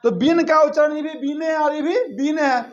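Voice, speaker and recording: A man's voice: extremely high pitch, moderate pace, lo-fi sound. A male teacher giving a classroom lesson, drilling students by repeating his questions and answers back and forth.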